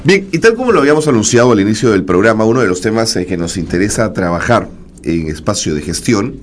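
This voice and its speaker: A man hosts a studio radio talk program with a hoarse, rough edge on his fairly low voice. He speaks formally and warmly to his listeners, filling his pauses with drawn-out "eh" sounds. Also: expressive, faint music behind. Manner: formal, welcoming, with frequent "eh" fillers. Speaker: radio show host. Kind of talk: radio talk show hosting.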